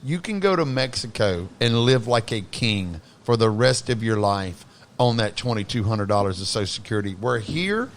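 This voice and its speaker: Forty-something man in animated chat. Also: on the low side, moderate pace, slight background noise. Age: 40s. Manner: animated, keeps repeating his point. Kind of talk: casual chat.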